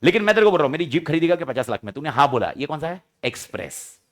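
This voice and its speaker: Male teacher, revision lecture, lively pitch, fairly high voice. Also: rapid-fire. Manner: animated, quizzes students and answers his own questions; acts out quoted speakers in example scenarios. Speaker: law teacher.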